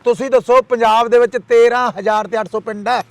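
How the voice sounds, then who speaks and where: A man's voice: extremely high pitch, level tone, dry recording. A man giving an impassioned interview, firing off rhetorical questions and repeated demands. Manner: fiery, rhetorical, repeats demands in rapid lists.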